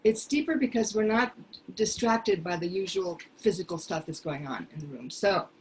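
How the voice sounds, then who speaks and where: An older woman from Peru, a singer, talking earnestly and reflectively from her living room on a video call, pausing often. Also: on the low side, expressive, darkish tone, a little hiss or hum, poor audio. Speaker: singer sharing a song. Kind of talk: casual video call chat. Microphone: headset mic on video call.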